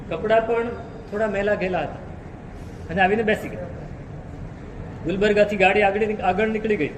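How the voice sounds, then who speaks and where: High-voiced preacher in an echoing hall. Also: male voice, background noise. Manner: repeats key phrases for emphasis. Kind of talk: sermon with storytelling. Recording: echoey hall reverb.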